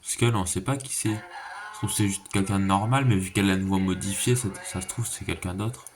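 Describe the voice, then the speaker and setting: Talking fast in a low voice with faint music behind him, a reaction video creator riffs in casual slang, thinking aloud and repeating himself. The recording has clearly audible background noise.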